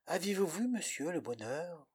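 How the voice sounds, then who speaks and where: A man voicing a grumpy old man in a wheelchair in a spoken tale, with a croaking voice. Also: fairly high pitch, big pitch swings, normal speed, voice pushed up. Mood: hopeful.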